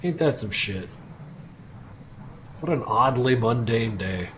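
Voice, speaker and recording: A man's voice: medium pitch, animated, slow pace, slight background noise. A man streaming a game live, reading in-game notes aloud with sardonic, profane asides.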